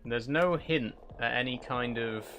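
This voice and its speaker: A man's voice: medium pitch, unhurried, fairly bright tone. A man giving casual live horror game commentary, thinking aloud and puzzling things out with short questions to himself.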